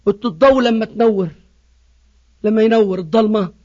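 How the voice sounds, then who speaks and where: A preacher with an Egyptian Arabic accent giving a passionate evangelistic sermon, alternating between loud appeals and hushed words. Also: male voice, high-pitched, fast. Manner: passionate, retells dialogues, swings from loud to hushed. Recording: muffled lo-fi recording.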